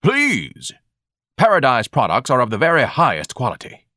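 A man's voice: mid-range voice, huge pitch swings, normal speed, pushed and bright, no echo, studio quality. A man voicing a pompous, fussy male hot-dog vendor who speaks in a lofty, disdainful way. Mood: icy.

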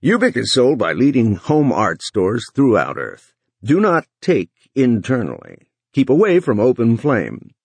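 A man voicing a gravelly older male boss who delivers a slow, salesman-like advertising pitch with a booming voice. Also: no room sound, exaggerated voice. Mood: urgent.

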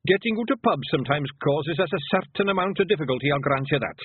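A tiny brawling pictsie chieftain barks in broad Scottish dialect, pitched up high and bouncing with lively swings. He is cheerful and bossy, a storybook rogue heard through a narrow, phone-like recording. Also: normal speed, slightly rough, no room sound. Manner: exclamatory, commanding, plain-spoken dialect talk.

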